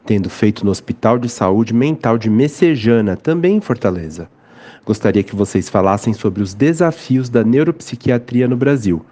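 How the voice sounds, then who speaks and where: Lively Brazilian man voicing a listener message. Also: fairly low pitch. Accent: Brazilian Portuguese.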